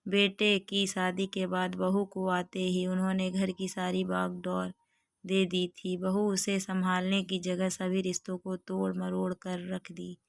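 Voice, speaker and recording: Slow, monotone woman storyteller. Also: lowish voice, vocal fry, no room sound, studio quality. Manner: measured, monotone reading. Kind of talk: scripted story narration.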